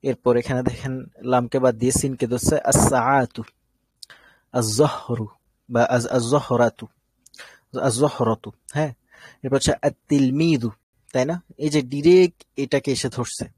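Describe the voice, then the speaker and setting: A man's voice: medium pitch, fairly even intonation, a little slow, pauses often, darkish tone, slightly rough, dry recording. A man from Bangladesh teaching an online Arabic class, explaining step by step and often checking that students follow. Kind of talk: live online class lecture.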